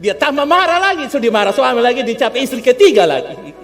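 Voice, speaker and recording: A man preaching a humorous, animated sermon, calling on the congregation to respond. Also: very high voice, fast. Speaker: pastor. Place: church hall. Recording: long church hall reverb with faint music.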